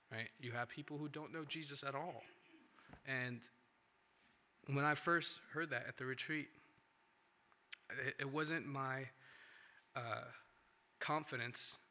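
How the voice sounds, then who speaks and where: Earnest and rambling, a young man from India tells his personal testimony at church, peppering it with restarts and "right?" tags. His voice is bright and medium-pitched, and English isn't his native tongue. He uses a handheld or stand microphone.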